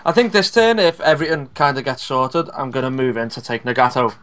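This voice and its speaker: A young man with a Scouse accent talks through a co-op strategy game in an easygoing, halting way. He trails off, fills gaps with "um" and "like", and his pitch sits in an ordinary middle range. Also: smooth. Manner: relaxed, hesitant, many fillers and laughs. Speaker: co-op gameplay commentator. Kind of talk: casual gaming chat.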